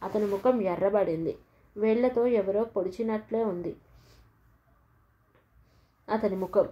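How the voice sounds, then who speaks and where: A woman narrating a novel in an even storytelling manner. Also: mid-range voice, unhurried. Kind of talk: audiobook novel reading. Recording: dull lo-fi recording.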